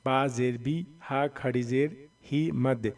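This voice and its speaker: Man slowly sounding out Quranic letters. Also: mid-range voice, recorded from a distance. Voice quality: voice that cracks on strain. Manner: sounds out letters slowly, drawing out vowels, then explains quickly. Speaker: Quran reading teacher. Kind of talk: Noorani Qaida recitation lesson.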